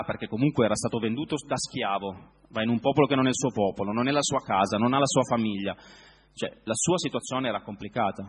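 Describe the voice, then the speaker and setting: A man preaching a sermon in a reflective way, often pausing to search for words. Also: on the low side, breathy edge, big-room sound.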